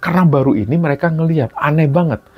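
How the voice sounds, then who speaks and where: Raspy guy casually telling a spooky story, lo-fi muffled audio. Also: on the high side, quick pace. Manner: casual, conversational retelling. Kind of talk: casual horror story narration. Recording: dull lo-fi recording.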